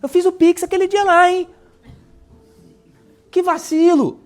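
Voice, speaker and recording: A man with a Brazilian accent voicing an indignant woman who loudly scolds a friend for arriving too late. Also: extremely high pitch, little pitch movement, unhurried, soft background music, pitched above the performer's own voice. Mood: exasperated. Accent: Brazilian Portuguese. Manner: loud, exasperated, colloquial complaints.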